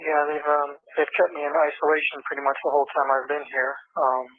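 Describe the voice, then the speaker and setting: A man's voice: a little high, level tone, brisk. A man speaking to his parents over a jail phone, hesitant and stumbling with fillers. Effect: heard over a jail phone line. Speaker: inmate calling family. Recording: tinny jail phone line with faint hiss.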